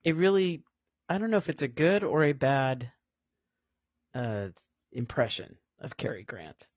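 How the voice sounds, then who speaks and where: Podcast cohost who keeps acting out scenes, husky voice, dry dull audio. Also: mid-range voice, a little slow, no room sound. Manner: animated, acts out quotes, laughs a lot. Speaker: podcast co-host. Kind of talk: casual film discussion.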